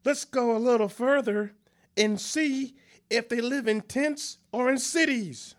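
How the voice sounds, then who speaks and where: A woman's voice: a little high, unhurried, close to an everyday voice. A woman playing a cautious spy. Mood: wary. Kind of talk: dramatic children's Bible skit.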